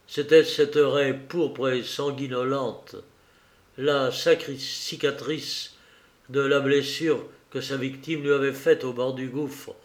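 Slow, measured male audiobook reader. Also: medium pitch, steady tone. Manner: measured, dramatic pauses. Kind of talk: novel reading. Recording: echoey room.

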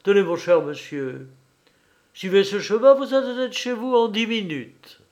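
A man's voice: sits high, measured pace, a little mellow, voice pushed up. A man reading the part of a shrewd, devoted young hunchback who speaks fervently and slyly.

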